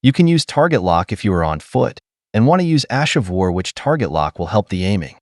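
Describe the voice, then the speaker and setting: A man narrates a game walkthrough from a script, laying out each step in a steady, instructional manner. His voice sits low, but his pitch moves about a lot as he explains. The recording is dry, with no room sound. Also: fairly quick, no echo.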